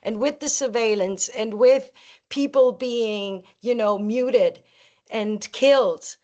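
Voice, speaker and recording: A woman's voice: a little high, slow, mellow. A woman talking casually about true crime, hesitant and repeating phrases for emphasis.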